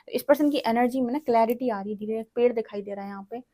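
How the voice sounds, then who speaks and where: A woman's voice: a little high, fast talker, mellow. A woman giving a tarot reading in a direct, lecturing way, often checking in with the listener. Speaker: tarot reader.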